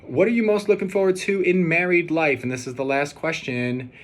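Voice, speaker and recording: Brisk and on the high side, this young man's voice carries a casual personal video message in which he, as groom-to-be, answers questions with earnest, halting rambling. A steady background noise accompanies him.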